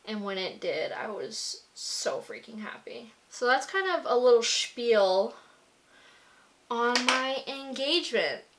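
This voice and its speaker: A woman's voice: on the high side, animated, slow pace, a bit bright, a little hiss or hum. A young woman vlogger chatting casually while doing her makeup, gushing and peppering her talk with "like". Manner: gushing, filler-heavy with frequent "like". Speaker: beauty vlogger.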